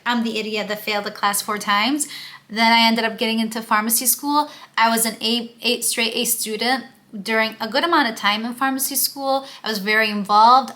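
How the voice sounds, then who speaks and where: Bright-voiced young woman, candid vlog chat. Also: a little high. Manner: candid and emotional, with frequent fillers like "um" and "like". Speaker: vlogger. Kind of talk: casual confessional chat to camera.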